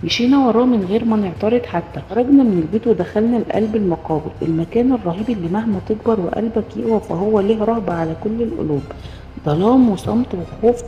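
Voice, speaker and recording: A woman with an Egyptian Arabic accent tells a dramatic first-person horror story, rushing along in an intense, emotional rhythm. Her voice is mellow and dark, and it sits in a roomy space with a long reverb tail. The recording is dull and faintly noisy. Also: mid-range voice.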